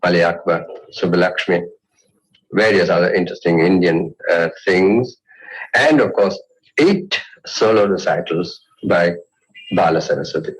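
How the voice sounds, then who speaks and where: A man with a fairly low voice reminisces in an interview. He speaks thoughtfully, pausing now and then to search for the right word. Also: poor audio. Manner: thoughtful, searching for words, with pauses.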